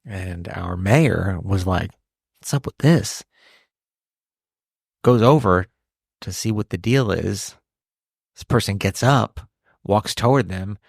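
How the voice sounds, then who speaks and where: A man hosting a podcast, telling funny stories in a playful, animated way. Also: deep voice, slow, creaky, no room sound, studio quality. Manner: playful, animated storytelling with laughs. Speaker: podcast host. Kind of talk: casual comedic chat.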